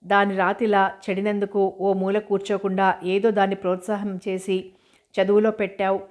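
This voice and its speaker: A woman's voice: mid-range voice, flat delivery, moderate pace, a little mellow, natural voice. A woman reading as a fond older mother.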